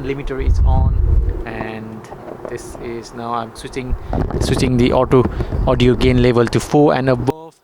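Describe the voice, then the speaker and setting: A man demonstrating microphones in a casual video, explaining step by step with frequent restarts, his loudness jumping up and down from uneven auto gain. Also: medium pitch, background noise. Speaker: gear reviewer. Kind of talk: casual product demo. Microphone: wireless lapel mic and handheld recorder.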